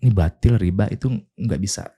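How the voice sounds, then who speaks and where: Deep-voiced man telling his story. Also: brisk, breathy edge. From Indonesia. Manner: lively storyteller, voices quotes, laughs while telling. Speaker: guest, clothing business owner. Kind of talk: casual storytelling interview.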